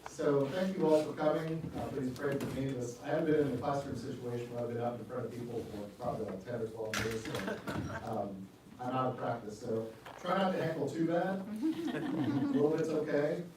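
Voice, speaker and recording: Man with a Brooklyn accent, parish lecturer, relaxed and self-deprecating, heard from a distance in a reverberant hall. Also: mid-range voice, a little fast. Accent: New York (Brooklyn). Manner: casual, self-deprecating, frequent ums and uhs. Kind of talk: parish adult education lecture. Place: church hall. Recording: echoey room from far off with noise.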